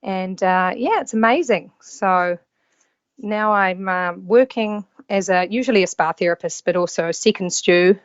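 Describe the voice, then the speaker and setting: A woman's voice: mid-range voice, unhurried, clean tone, no echo. A woman from New Zealand with a New Zealand accent, a podcast guest talking in an easygoing way over a video call. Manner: easygoing, with fillers and small restarts. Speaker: podcast guest, yacht stewardess. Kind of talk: casual interview chat. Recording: dull, dry call audio.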